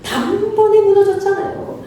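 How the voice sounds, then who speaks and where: A woman's voice: very high-pitched, little pitch movement, moderate pace, mellow, slight background noise. A woman pastor preaching a sermon, asking the congregation questions and acting out the quoted lines. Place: church sanctuary. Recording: very echoey hall, voice from far off.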